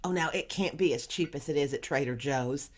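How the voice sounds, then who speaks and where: An actress playing a woman who muses wryly about her therapist in a stage monologue. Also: low-pitched. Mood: musing. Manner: musing, wry, unhurried. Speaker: stage actor. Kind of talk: theatrical monologue.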